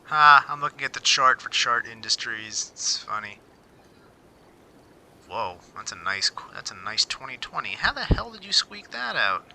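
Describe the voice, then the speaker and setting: A man's mid-range, creaky voice has a sing-song, sharp quality at a moderate pace as he casually livestreams, wryly musing over figures he reads aloud. He keeps breaking off and repeating words mid-sentence. The rough recording has slight background noise.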